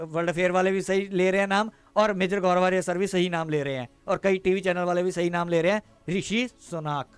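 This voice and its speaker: Taunting man, high and smooth. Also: no echo. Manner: taunting and insulting, repeats "ठीक है?". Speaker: reaction channel host. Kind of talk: heated political commentary.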